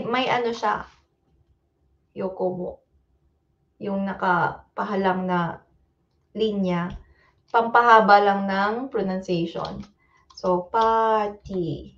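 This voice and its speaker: A woman's voice: mid-range voice, dull audio. A woman with a Filipino accent teaching a casual livestreamed exam review, mixing Tagalog and English and repeating fillers like "ayan" and "okay". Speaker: Japanese language teacher.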